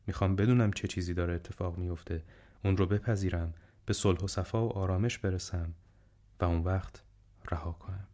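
A man reading an audiobook, voicing a frail, dying old man who speaks softly, slowly and wisely. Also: low voice, close to an everyday voice. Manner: soft, slow, subdued speech.

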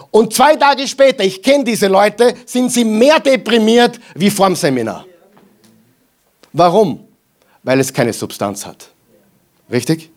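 A man preaching a sermon with emphatic repetitions and mocking asides, swinging between loud and quiet. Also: sits high. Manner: emphatic, repeats lines for the crowd to echo.

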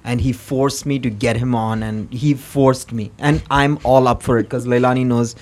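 A man's voice: mid-range voice, fairly even intonation, moderate pace, darkish tone. A man hosting a casual podcast chat, teasing his guests and laughing often. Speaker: podcast host.

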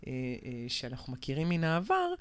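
A woman co-hosting a podcast in casual chat, reflecting aloud and often pausing to search for the right words. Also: low-pitched, huge pitch swings. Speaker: podcast co-host.

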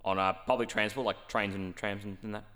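A man playing a hapless, defensive ticket inspector in a comedy sketch, with a halting manner. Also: fairly low pitch, steady tone, bright, forceful tone, in a large hall. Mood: hesitant, uneasy. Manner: hesitant, halting, stammering.

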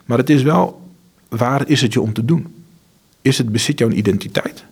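Husky man telling earnest stories. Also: mid-range voice, normal speed, darkish tone. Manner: earnest, faith-driven storytelling with many restarts. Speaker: charity director. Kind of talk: conversational interview.

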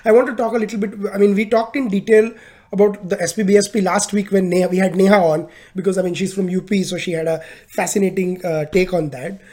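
Indian english guy hosting a podcast, high voice, rattles along fast, laughs a lot. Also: fairly even intonation, darkish tone. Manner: quick, laughs easily, mixes Hindi and English. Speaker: podcast host. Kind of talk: casual political chat.

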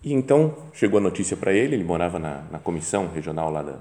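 A man's voice: sits low, sing-song, racing, mellow. A man with a Brazilian Portuguese accent, a priest leading a meditation, telling anecdotes in a chatty way and acting out the people he quotes. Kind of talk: anecdotal storytelling in a spiritual talk.

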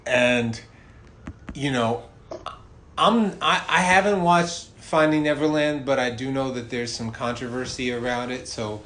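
A man in his thirties, co-hosting a podcast, chats casually and shares personal stories. His mid-range voice is fairly bright and he speaks at a measured pace. Noticeable background noise runs through the recording.

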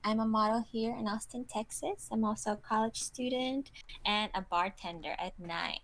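With lots of fillers like "you know" and small giggles, a twentysomething Kazakh model casually answers interview questions. Her voice is fairly high and fairly bright, at a moderate pace, and the recording is rough.

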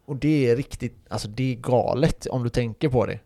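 A man's voice: mid-range voice, vocal fry, mellow, dry recording, studio quality. Young man explaining eagerly. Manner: explains at length, emphatic, swears casually. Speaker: podcast co-host. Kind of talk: casual chat, explaining crypto trading.

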